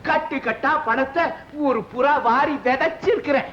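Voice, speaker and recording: An actor playing a greedy, boastful comic candidate, talking with laughs and whines in a 1970s film. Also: male voice, very high voice, moderate pace, a bit bright, slight background noise. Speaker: scheming election candidate. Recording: muffled old film soundtrack.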